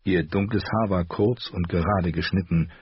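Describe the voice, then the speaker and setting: A male audiobook narrator with a lowish, husky voice, reading steadily and evenly. The sound is dry and a touch dull, with no room around it. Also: fairly even intonation, normal speed, no echo. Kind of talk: scripted narration.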